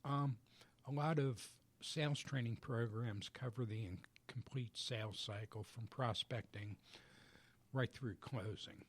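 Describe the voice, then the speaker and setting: A man guest on a business radio show in a studio, explaining his coaching work in a measured, methodical way. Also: mid-range voice, husky. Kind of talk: radio interview answers.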